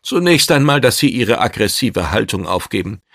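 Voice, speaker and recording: A man voicing a composed, persuasive male teleporter who speaks with measured confidence. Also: lowish voice, very animated, vocal fry, fairly bright tone, dry recording, clean studio sound, exaggerated voice. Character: calm, self-assured male teleporter visitor.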